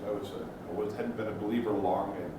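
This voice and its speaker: Distant, echoey low-voiced man. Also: steady tone, fast. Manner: earnest, reflective. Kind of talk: casual reflective talk. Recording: distant, very echoey, with clear background noise.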